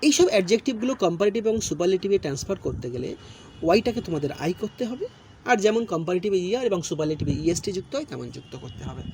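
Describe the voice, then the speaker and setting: A male teacher walks students through grammar rules, his voice rising and falling with lively emphasis. He repeats each point patiently and speaks into a close mic. A faint hiss of noise sits underneath. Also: high-pitched. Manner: patient, repeats and explains each rule slowly. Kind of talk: recorded online lesson.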